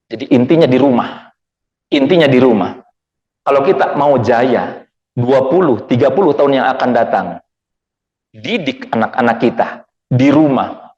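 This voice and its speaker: A man with a high-pitched voice delivers a sermon, repeating his key phrases for emphasis. The recording is roomy, with a long hall echo behind every phrase. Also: highs cut off. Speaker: preacher. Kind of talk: sermon with storytelling.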